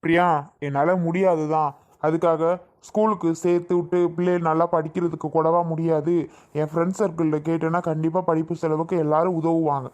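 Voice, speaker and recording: A man playing a kind younger brother in a family drama skit, speaking in a calm, reassuring way. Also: on the high side, a little fast, close to an everyday voice.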